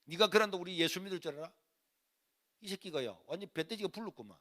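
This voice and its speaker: A man voicing his angry older brother, shouting rough insults in a Gyeongsang dialect. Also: sits high, lively intonation, quick pace, voice pushed up, exaggerated voice. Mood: angry, mocking.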